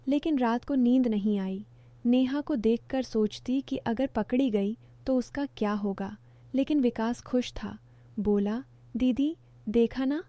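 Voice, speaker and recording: A woman telling a first-person story as scripted narration, in a steady, even storytelling delivery. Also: a little high, no echo.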